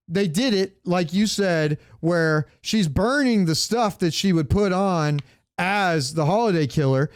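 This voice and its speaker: A man with a high voice co-hosts a podcast, chatting casually and enthusiastically about comics, movies and games in slangy, sweary language. The studio sound is clean, with no room sound.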